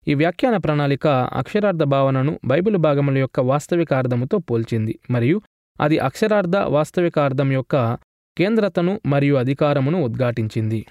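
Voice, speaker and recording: A man giving a scripted theology lecture in a measured, formal reading style. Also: mid-range voice, animated, darkish tone, dry recording, clean studio sound.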